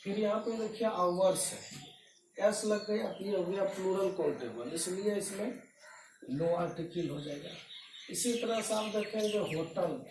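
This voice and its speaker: A male English tutor with a high, slightly mellow voice teaches a grammar lesson at a board, at a measured pace. He explains patiently to his students, repeating himself and asking rhetorical questions, with his voice distant in a roomy, echoey space and slight background noise.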